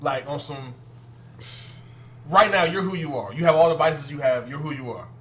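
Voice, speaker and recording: A man's voice: on the high side, moderate pace, a bit bright. A man co-hosting a casual podcast chat, rambling loosely and laughing often. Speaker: podcast co-host.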